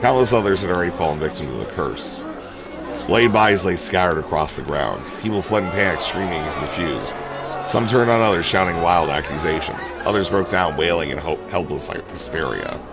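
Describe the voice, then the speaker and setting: Give me a low-voiced man reading game text aloud on stream, with game music underneath. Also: animated, moderate pace, a crowd in the background. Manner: casual asides with swearing between read lines. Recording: game music playing behind.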